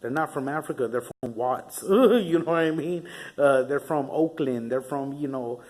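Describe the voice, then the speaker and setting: A young man from Southern California vlogs a casual storytelling monologue at normal speed, his medium-pitched voice a little mellow. His talk is rambling and profane, street-style, and heavy on fillers.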